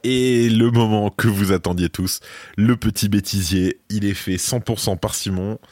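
A man's voice: on the low side, fairly even intonation, moderate pace, a little mellow, a little hiss or hum. A man with a French accent hosting a podcast in casual, informal talk, with a self-mocking streak. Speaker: podcast host.

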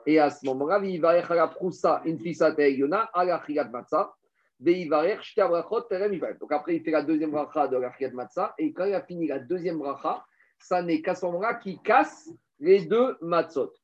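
A man's voice: on the high side, moderate pace. A man teaching a Torah lesson in French mixed with Hebrew terms, asking rhetorical questions and explaining step by step. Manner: lively, rhetorical questions, addresses listeners as Rabotai. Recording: dull lo-fi recording.

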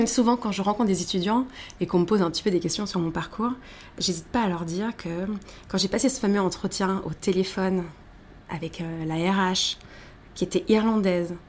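A woman in her thirties, a guest telling her career story in a casual interview, animated, with many fillers and restarts. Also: mid-range voice, slight background noise.

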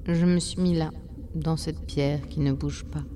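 A woman voicing Time, an old being living inside a stone, speaking softly, deeply and slowly. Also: slight background noise. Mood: calm, slow. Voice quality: soft and deep. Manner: slow, calm, unhurried.

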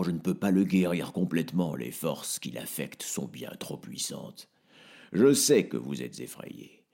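A grave old wizard with a husky, gravelly low voice, as a man voices him in an audiobook. He speaks in calm, solemn counsel, his pitch moving a lot across each phrase. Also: full character voice. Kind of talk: audiobook character reading.

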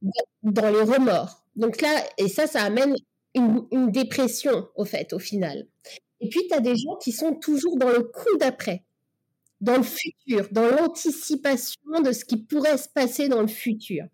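A woman's voice: on the high side, animated, unhurried, darkish tone, breathy edge. A woman in casual podcast conversation, talking in a reflective, coaching way with many fillers and restarts.

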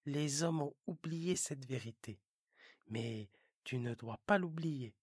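A narrator voicing a wise, patient fox in a whispered role-play, lower and slow. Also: slightly rough, dry recording, studio quality. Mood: tender. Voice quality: low, hushed, slow.

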